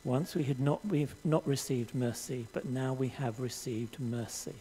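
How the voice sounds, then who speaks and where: An older man preaching a sermon in a church hall, earnest and measured, reading scripture aloud to the congregation. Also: medium pitch, dark tone, a little hiss or hum. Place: church hall stage with audience.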